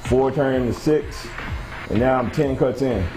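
A man in his thirties, a high school football coach, talking humbly and emotionally in an interview in a school locker room. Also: a little slow, music in the background. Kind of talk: casual interview.

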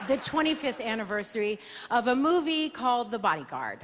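Hosting an awards show on a large live arena stage, a woman delivers a playful, self-mocking comedy monologue and breaks into sung lines now and then. Her fairly high voice is very animated and a little fast. The live arena sound carries a loud crowd, with applause and cheering over a noisy background.

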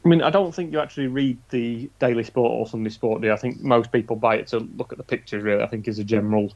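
A man's voice: mid-range voice, fairly even intonation, fast talker, darkish tone. A man co-hosting a podcast in casual chat, hesitant and hedging. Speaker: podcast co-host. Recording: dull lo-fi audio.

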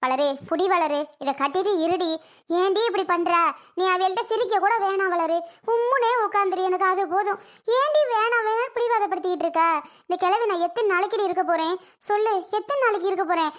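Woman playing a high-voiced nagging old mother. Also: a little fast. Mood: scolding. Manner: pleading, scolding, lamenting to god. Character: fretful old mother, nagging her daughter. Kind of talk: family skit acting.

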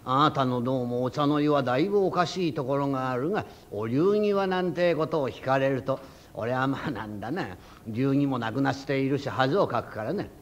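A rakugo storyteller voicing an old retired man who frets over his tea ceremony in a slow, hesitant, mumbling way. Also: medium pitch, expressive, pitched below the performer's own voice, natural voice. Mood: fretful. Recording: dull lo-fi old recording.

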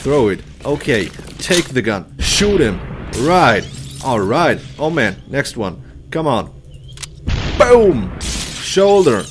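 Male gamer, thirties, highly animated delivery with slow pacing, casual exclamations over game sound. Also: over music. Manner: exclamatory, reacting in short bursts to play. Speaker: video game player and commentator. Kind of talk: casual let's-play commentary. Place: indoor room, seated at a computer.

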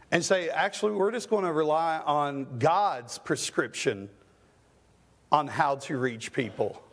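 A man's voice: a little high, creaky. A man preaching a sermon as pastor in a church, impassioned, with rising questions and stammered restarts. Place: church sanctuary.

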